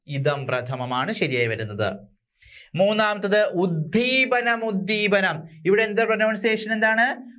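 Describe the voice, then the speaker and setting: A man from Kerala teaching an exam-prep language lesson, repeating words slowly and asking his listeners rhetorical questions. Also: on the high side, muffled recording. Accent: Malayali.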